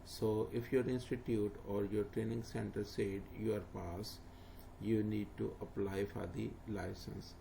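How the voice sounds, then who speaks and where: A male tutor, not a native English speaker, narrates a screen-recorded walkthrough of an online form, moving step by step in a plain, instructive manner full of fillers. He speaks a little slowly in a fairly low, level, creaky yet mellow voice. Background noise suggests a home setup.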